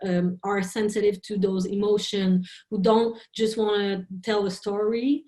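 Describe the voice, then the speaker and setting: A woman film director, a native French speaker, speaking English in an interview, halting and searching for words. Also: medium pitch, level tone, dark tone. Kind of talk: interview talk in a second language. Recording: roomy echo.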